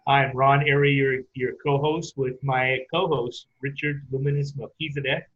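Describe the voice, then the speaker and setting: A man co-hosting a podcast, gently thanking the guest and signing off the show. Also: medium pitch, level tone, moderate pace, slightly rough. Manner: gentle, wrapping up with thanks and sign-off. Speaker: podcast co-host. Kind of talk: casual interview chat. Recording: tinny phone-like line.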